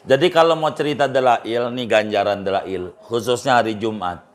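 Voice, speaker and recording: A man's voice: mid-range voice, moderate pace. Emphatic man giving casual religious advice. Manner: informal, emphatic, repeats phrases for stress. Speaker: Islamic preacher answering questions.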